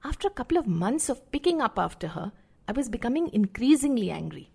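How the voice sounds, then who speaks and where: A middle-aged woman narrating scripted parenting advice, speaking to the listener directly in a measured, explanatory way. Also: fairly high pitch, very animated, vocal fry, dark tone, husky. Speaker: parenting podcast host.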